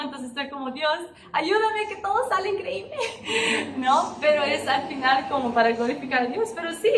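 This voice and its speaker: A young woman giving an informal, emotional sermon at a women's church gathering, chatty and full of tag questions. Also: sits high. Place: church hall. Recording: echoey church hall, distant mic, background noise.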